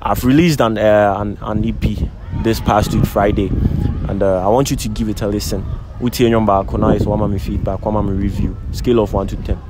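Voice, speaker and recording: A man's voice: fairly low pitch, fairly even intonation, a little fast. A young man, interviewing strangers on a campus street in a casual, upbeat way and repeating their answers back. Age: young adult. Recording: outdoor street noise.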